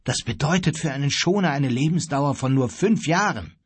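A man voicing a worried, gruff older ship captain who broods and mutters, in a husky voice. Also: fairly high pitch, animated, moderate pace, dry recording.

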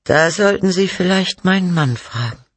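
A male reader voices a frail, distraught middle-aged mother, using a raised, strained pitch with a husky edge. She sounds bitter and accusing, with breathless outbursts, lively intonation and a moderate pace. The recording is dry and close, with no echo.

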